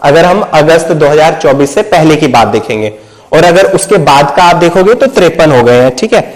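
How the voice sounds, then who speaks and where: A man's voice: a little high, lively intonation, normal speed, poor audio. A man teaching a Hindi lesson who asks questions and answers them himself, checking in with his students often. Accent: Hindi mixed with English words. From Uttar Pradesh. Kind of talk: explanatory video lesson.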